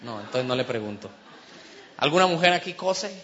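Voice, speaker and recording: A man's voice: medium pitch, lively intonation, moderate pace, a bit bright, slight background noise. A man from Colombia, preaching a sermon as humorous storytelling and asking the congregation questions. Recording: dull sound with long hall reverb.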